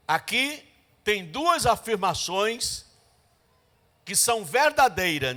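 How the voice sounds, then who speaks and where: A middle-aged pastor, preaching a sermon in a church and acting out the voices of the people in his stories. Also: high-pitched. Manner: animated storytelling, acting out voices. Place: church service.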